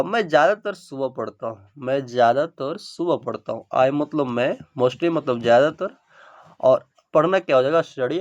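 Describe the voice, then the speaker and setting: A man teaching English through Hindi, speaking. He repeats each English sentence slowly, word by word, and fills gaps with frequent okays. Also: mid-range voice, lo-fi sound. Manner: frequent ok and now look fillers; speeds up for asides. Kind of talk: spoken English lesson in Hindi.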